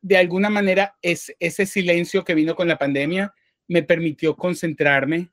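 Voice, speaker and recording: A man from Venezuela speaking as an interview guest, thoughtful and halting, often restarting and repeating words. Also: high-pitched, fairly even intonation, a bit bright, no echo, studio quality. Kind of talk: casual interview talk.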